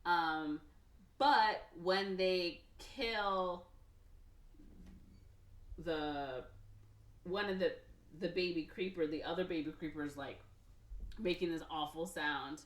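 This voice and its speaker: A woman hosting a podcast and recapping a movie in casual chat. She tells it with animation, says "like" a lot and slips into quick acted quotes. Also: fairly low pitch. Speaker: podcast host. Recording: roomy, from a distance off the mic.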